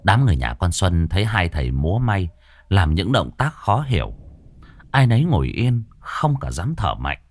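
A man narrating a ghost story with dramatic, expressive delivery. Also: sits low, normal speed, no echo.

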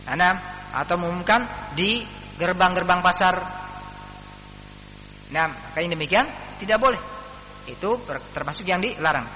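High, bright-voiced man teaching in a hall. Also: lively intonation. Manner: reads Arabic text slowly, then explains with frequent "nah" and "ya". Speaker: religious teacher. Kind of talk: Islamic study lecture explaining a text. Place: mosque or study hall. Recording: roomy, echoing hall with faint hum.

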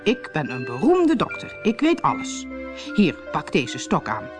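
A woman's voice: sits low, wildly swooping pitch, a little slow, over music, heavily acted. A woman voicing a cheeky young man who poses as a pompous doctor in a storybook, mock-solemn and hesitant.

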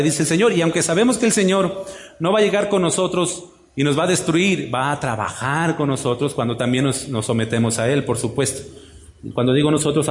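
Male pastor, lively sermon, fairly high voice, echoey hall reverb. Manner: animated, rhetorical questions, acts out wives' voices. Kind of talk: sermon to women of the church.

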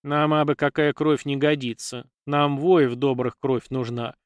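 A man's voice: medium pitch, fairly even intonation, a little slow, clean tone, no room sound, natural voice. A man reading an audiobook, voicing a stern female war leader who speaks plainly in folksy old speech. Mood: grave. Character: fierce woman warrior voevoda, weary, blunt.

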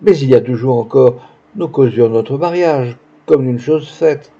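A man's voice: mid-range voice, moderate pace, dark tone, husky. A man reading the lines of a naive, grieving young woman in a tearful, faltering manner, in a dull lo-fi recording. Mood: anxious.

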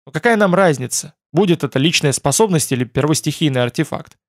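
A man's voice: fairly high pitch, lively intonation, quick pace, no echo, lightly acted. Wry, joking young man, audiobook; a man reads him, dry, close recording. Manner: joking, mildly sarcastic.

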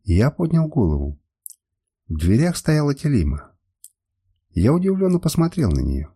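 A man's voice: medium pitch, wildly swooping pitch, normal speed, warm tone, breathy edge. A man narrating a dramatic first-person audiobook with strong emotion.

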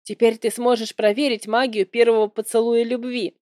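Eager young man voiced by a woman, audiobook, lively, warm mellow tone, close dry sound. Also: on the high side, moderate pace, dry recording, lightly acted. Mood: cheerful.

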